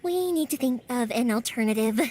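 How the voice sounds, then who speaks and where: An actress playing a warm-hearted, chatty young woman in a video game, energetic and friendly. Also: a little high, a little fast, slight background noise, close to an everyday voice. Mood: fond, chatty. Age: young adult. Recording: music behind.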